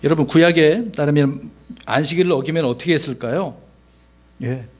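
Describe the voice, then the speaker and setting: A man's voice: a little high, normal speed. A man, a pastor, preaching a sermon in a conversational way, asking his congregation rhetorical questions and acting out the lines he quotes.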